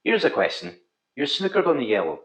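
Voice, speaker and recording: Male instructor, broad Scottish accent, animated pitch swings, tutorial narration in a roomy, echoing space. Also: brisk, vocal fry. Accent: thick Scottish. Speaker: pool instructor, video host. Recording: slightly dull, roomy echo.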